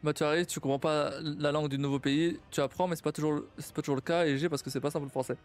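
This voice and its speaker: A young man with Portuguese family roots chats on a live stream in a halting way, full of repeats and restarts as he thinks aloud, laughing often. He speaks on the high side in a steady tone, over soft background music.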